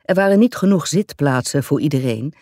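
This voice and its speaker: A narrator reading a mystery novel aloud in a measured, even storytelling voice. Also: mid-range voice, no echo, clean studio sound. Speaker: audiobook narrator. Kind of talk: scripted narration.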